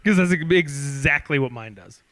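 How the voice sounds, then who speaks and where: A man's voice: a little high, normal speed, fairly bright tone, no echo. A man co-hosting a comedy podcast, teasing his friends in casual banter and laughing often at his own jokes.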